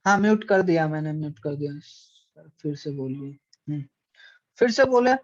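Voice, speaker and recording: A man's voice: on the high side, animated, normal speed, dry recording. Male teacher, online class, quizzing and answering himself, dry dull lo-fi audio. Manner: asks the class questions and answers them himself. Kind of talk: online physics lesson.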